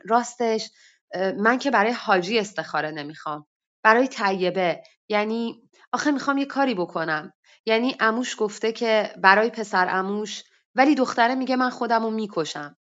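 A woman's voice: fairly high pitch, fairly bright tone, natural voice. A woman voicing a weary, anxious widowed mother in her thirties, talking in a confiding, hesitant way, in dull lo-fi online audio. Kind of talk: story reading.

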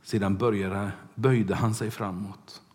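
A man preaches a sermon in a room with long hall reverb. His voice sits fairly low. He tells the story vividly and moves between loud bursts and hushed near-whispers. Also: steady tone. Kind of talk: sermon retelling a Bible story.

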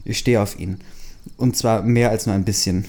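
A shy, clumsy sixteen-year-old schoolgirl from a storybook, as a man reads her aloud. The voice sits low and mellow, hesitant and full of little fillers, a plain reading rather than a performance. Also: fairly even intonation, normal speed. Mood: embarrassed.

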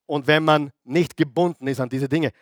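A man preaching a sermon, animated, acting out voices of biblical figures. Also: fairly high pitch, normal speed, no echo, studio quality.

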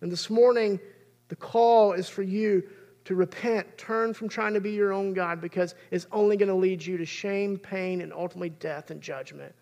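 A man's voice: sits high, fairly even intonation, moderate pace, creaky, a little mellow, lo-fi sound. A man, preaching a sermon as pastor in an earnest, conversational way.

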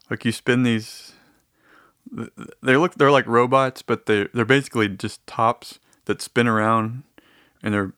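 Low-voiced man rambling casually. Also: creaky, fairly bright tone, no echo, clean studio sound. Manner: meandering, easygoing storytelling.

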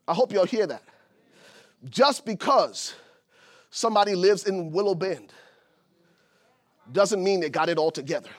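A preacher from Liberia delivers a sermon with a high voice. He builds his points with rising emphasis and at times shouts them out to the congregation. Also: lively intonation, unhurried, pauses often. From Liberia, West Africa. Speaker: pastor.

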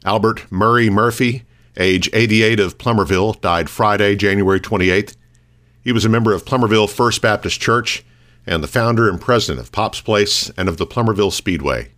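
American man, lower register, scripted morning radio news host for a local station. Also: normal speed, fairly bright tone.

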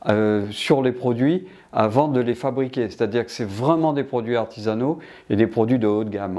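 A man's voice: mid-range voice, warm tone. An older man from Martinique answering interview questions about his business, hesitant with many restarts.

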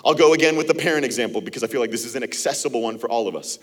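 A man's voice: mid-range voice, racing. A man in his thirties preaching a sermon as pastor to a church, talking in a loose, conversational way and acting out little dialogues. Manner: conversational preaching with acted-out quotes and laughs. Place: church auditorium.

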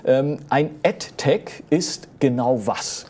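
A man's voice: medium pitch, slow pace, a little mellow, husky. A man hosting a casual studio talk show, chatty and playful, with a lot of fillers.

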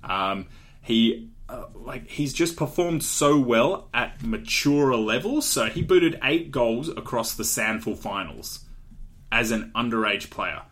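Speaking slowly in a medium-pitched, slightly bright voice with lively intonation, a young Australian podcast co-host chats casually while breaking down a draft. He laughs a lot and leans on filler words.

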